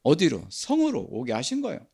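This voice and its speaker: Gravelly older man preaching animatedly. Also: fairly high pitch, fairly quick. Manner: animated preaching, asks and answers his own questions. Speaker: pastor. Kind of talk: sermon.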